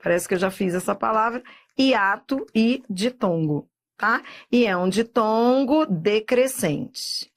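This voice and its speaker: A middle-aged woman with a Brazilian Portuguese accent, teaching a recorded exam-prep lesson and drawing words out slowly, often checking in with "tá?". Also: mid-range voice, expressive. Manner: slow, drawn-out spelling of words with frequent checks like "tá?".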